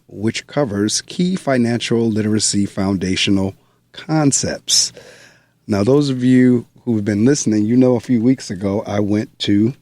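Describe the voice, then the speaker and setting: A middle-aged man hosts a radio book show in a relaxed, chatty way, with the odd filler as he goes. His voice sits low, and the studio sound is close and dry. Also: dry recording. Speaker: radio show host and school principal. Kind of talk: radio interview introduction. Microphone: studio microphone.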